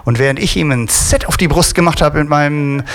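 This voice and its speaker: A man's voice: a little high, a little fast. A man hosting a casual radio interview, asking teasing, joking questions. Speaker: radio host.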